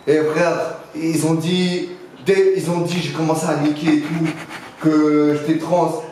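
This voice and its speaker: A man's voice: on the high side, little pitch movement, a little slow, darkish tone, natural voice. Casting: male performer as cocky young street dealer, mock interview, loose French street slang, heavy room echo. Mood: defensive. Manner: slangy, rambling, punctuated with filler address words. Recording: very echoey room, faint noise.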